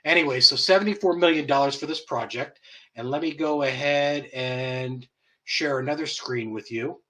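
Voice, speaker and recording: A man's voice: mid-range voice, normal speed, pushed and bright. A man hosting an online commentary show, blunt and profane, chuckling mockingly as he rants. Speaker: host.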